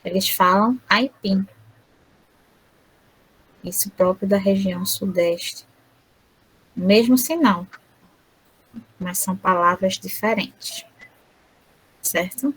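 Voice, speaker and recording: A woman interpreting an online lecture aloud, speaking haltingly with frequent tag questions. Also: mid-range voice, fairly bright tone, slightly rough, low-quality recording.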